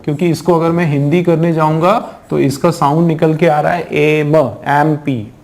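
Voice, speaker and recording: A man teaches English grammar in an exam-prep lecture. He explains patiently, often asks his students questions and reads the English examples out slowly. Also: a little high, little pitch movement, gravelly, a little mellow. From India.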